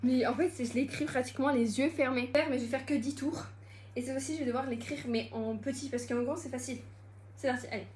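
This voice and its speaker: High-voiced chatty young woman vlogging. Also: steady tone, fast, darkish tone, slight background noise. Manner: chatty, self-mocking, bursts of laughter. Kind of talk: casual challenge vlog. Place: at home.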